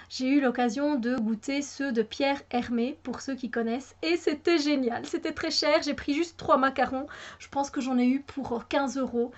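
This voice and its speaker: A Belgian woman with a high voice talks casually to her viewers, stumbling through restarts and fillers as she goes. Her Belgian French accent colours the chat. The recording is a little dull and lo-fi. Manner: chatty, hesitant with many fillers and restarts. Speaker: YouTuber.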